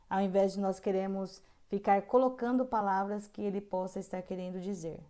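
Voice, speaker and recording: A woman's voice: mid-range voice, dark tone. A middle-aged woman teaching a caregiver course, reading guidelines with earnest asides and frequent hesitations. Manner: earnest, frequent hesitations, emphatic on key points.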